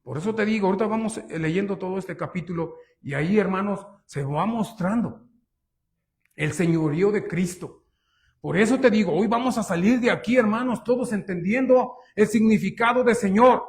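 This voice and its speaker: A high-voiced man preaches from the pulpit with great emphasis. He swells into louder stretches to drive points home and often asks his congregation rhetorical questions. He keeps turning to them as his brothers and sisters. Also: moderate pace. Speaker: pastor. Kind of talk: sermon.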